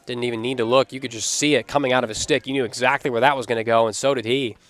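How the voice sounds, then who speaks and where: Male play-by-play caller, mid-pitched, energetic live sports commentary. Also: racing. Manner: energetic, rises on big plays. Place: commentary booth.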